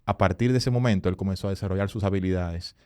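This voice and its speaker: A man, a communication consultant, telling earnest stories as a podcast guest, emphatic and rising in pitch when he quotes people. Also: quick pace, a little mellow, smooth, dry recording, studio quality. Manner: earnest, emphatic storyteller who rises in pitch for quoted voices. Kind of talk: storytelling in a podcast interview.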